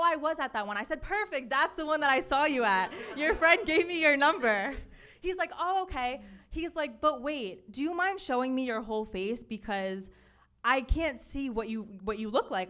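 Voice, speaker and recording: A young woman hosting a live podcast, telling a story time in a casual, animated way and acting out the quotes. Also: high voice. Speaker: podcast host. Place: podcast studio event.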